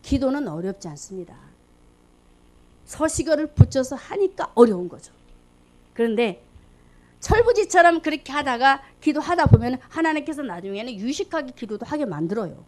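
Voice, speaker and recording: A woman with a high voice preaches a fervent sermon. She talks in an animated, exclamatory way, rising to loud calls and dropping to hushed asides. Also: moderate pace. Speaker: lay preacher.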